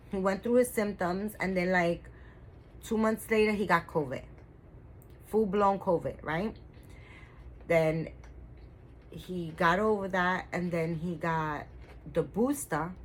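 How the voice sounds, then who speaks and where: A woman's voice: on the low side, fairly bright tone, slight background noise, rough recording. A woman in her fifties, a doll-collecting vlogger, chatting casually to her viewers in a rambling way, full of fillers and restarts. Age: 50s.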